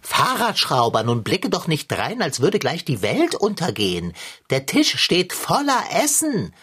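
A woman's voice: low voice, huge pitch swings, measured pace, fairly bright tone, husky, heavily acted. A woman voicing a sly, greedy and sarcastic male tomcat in a radio play, theatrical and mocking. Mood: lofty.

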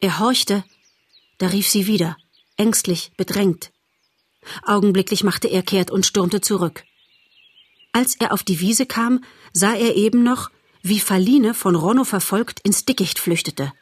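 A woman narrating a storybook audiobook in a measured, expressive storytelling voice. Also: medium pitch, breathy edge, no room sound.

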